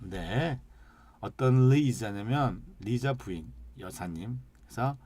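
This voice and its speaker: Slow-talking Korean male English teacher. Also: mid-range voice, animated, warm tone, husky. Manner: slow, drawn-out demonstrations of sounds and syllables; asks the class questions and answers them himself. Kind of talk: lecture with slide examples.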